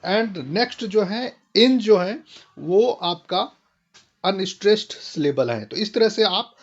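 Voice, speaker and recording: A man with a high voice explains a grammar point as a video lesson. He reads each definition slowly and carefully before going back to his usual explaining pace. The recording sounds dull and lo-fi. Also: animated. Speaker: English teacher.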